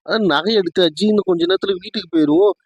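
A man's voice: high-pitched, racing, slightly rough, no echo, dull audio. A man voicing a grown son in a cartoon family skit, soothing his mother with mild exasperation.

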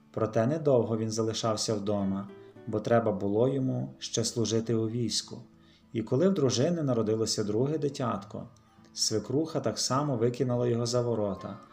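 A man narrating a folk tale for children in an expressive storytelling manner, slowing down at the dramatic moments. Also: fairly low pitch, creaky. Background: faint guitar music.

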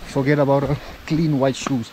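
A man's voice: mid-range voice, little pitch movement, moderate pace. Man vlogging breathlessly on a hiking trail. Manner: chatty, talking to camera while hiking. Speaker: travel vlogger. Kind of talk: casual hiking vlog. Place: outdoors on a mountain trail. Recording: noisy outdoor camera audio.

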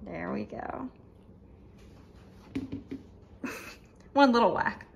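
In a mid-range, expressive voice with vocal fry, a young woman speaks extremely slowly; the sound is lo-fi with background noise. She's a vlogger making a casual travel video on a handheld phone, chatty and bubbly, gushing over places and shops. The footage moves from outdoors and shops in a beach town to a car.

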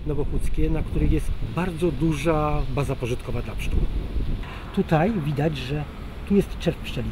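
A man in his fifties gives an informal, practical explanation as a beekeeper. His voice sits a little high, and it is recorded outdoors with clear background noise and insects buzzing. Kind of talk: informal explanatory talk to camera while working. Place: open rooftop apiary, outdoors. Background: bees buzzing, outdoor ambience.

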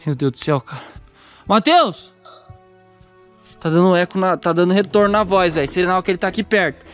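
A Brazilian man with a fairly high voice narrates a scary vlog outdoors at night, nervous and calling out to his viewers. His talk is worried and keeps reaching for his friend. Faint music plays behind him. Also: animated, brisk, a bit bright. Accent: Brazilian Portuguese. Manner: anxious, calling out and talking to viewers. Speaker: YouTuber. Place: outdoors at a country house at night.

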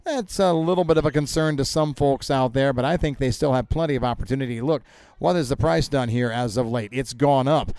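Smooth-voiced male grain market analyst. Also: mid-range voice, fairly quick, darkish tone, no echo. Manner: conversational, emphatic market talk. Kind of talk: market commentary. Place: county fair, outdoors broadcast.

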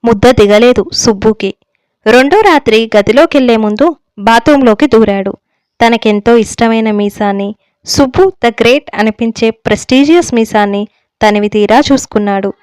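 A woman narrating a humorous short story in a lively, playful way. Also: fairly high pitch, moderate pace, smooth, no room sound.

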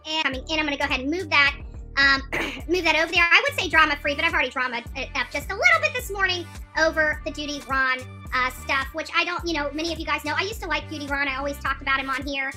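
A woman livestream host sits on a couch in a small indoor room, ranting indignantly at her viewers in a confrontational, scolding way. Her voice is high, piercing, pushed and bright, she talks fast, and a bit of music plays underneath.

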